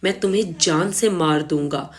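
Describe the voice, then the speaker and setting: A woman's voice: on the low side, normal speed, slightly rough, pitched below the performer's own voice. A woman reading the part of a suspicious, jealous young husband in an accusing, angry voice.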